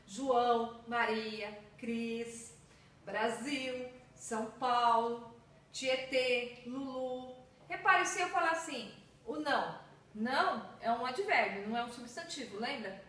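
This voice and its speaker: A woman's voice: fairly high pitch, measured pace, fairly bright tone. A woman with a Brazilian Portuguese accent teaching a recorded grammar lesson to children, explaining patiently and checking in with her students often. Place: room at home with traffic outside. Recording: very echoey room, far from the mic.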